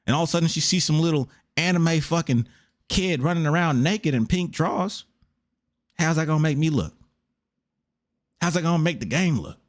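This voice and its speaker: A man's voice: a little high, lively intonation, moderate pace, pauses often. A tired man reacting to a video on stream, talking in an exasperated, lecturing way and calling the other person "brother". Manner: exasperated, preachy, says "brother" a lot. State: tired after a long stream. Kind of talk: casual reaction commentary.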